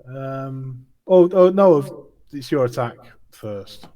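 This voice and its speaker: A man running a tabletop role-playing game as game master, explaining rules at an unhurried pace with many fillers. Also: mid-range voice, lo-fi sound.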